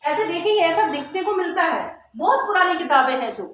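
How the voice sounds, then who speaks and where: A woman teacher giving a classroom grammar lesson, explaining step by step and slowly sounding out letters to demonstrate. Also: very high voice, expressive, a bit bright. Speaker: Hindi teacher. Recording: very echoey classroom with faint noise.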